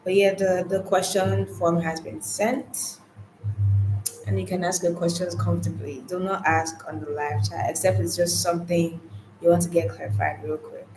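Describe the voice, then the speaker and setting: A woman's voice: lowish voice, level tone, normal speed, darkish tone, slight background noise. Chatty woman teaching a live class. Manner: chatty, repeats words, many restarts. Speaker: online course instructor. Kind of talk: live-streamed lesson, casual. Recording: roomy, faint ambience.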